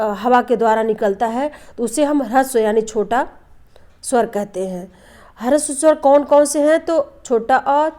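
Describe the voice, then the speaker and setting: A high-pitched young woman teaches a grammar lesson in a patient classroom manner. She poses questions to her students and answers them herself, repeating each term. Example sounds are spoken slowly and held out. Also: darkish tone. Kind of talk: classroom lesson explaining vowels and consonants.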